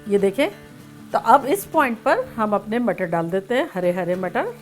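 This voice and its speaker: A woman's voice: medium pitch, very animated, moderate pace, soft background music. A woman hosting a home cooking demonstration, chatty and playful as she talks through each step. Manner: chatty, playful, sings snatches of songs. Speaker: cooking show host.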